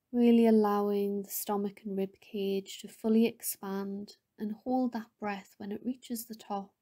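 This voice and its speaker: Leading a guided meditation, a woman speaks in a soft, breathy, mid-range voice that often drops close to a whisper. Her manner is gentle and soothing, and she lets long pauses linger between phrases.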